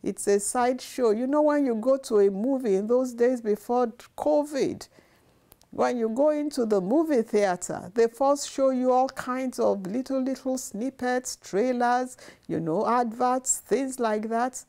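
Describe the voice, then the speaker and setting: A woman's voice: on the high side, unhurried, warm tone. A middle-aged woman giving an earnest devotional sermon to camera from a living room, repeating phrases for emphasis, on a lapel mic. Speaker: devotional speaker. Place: living room, seated on sofa.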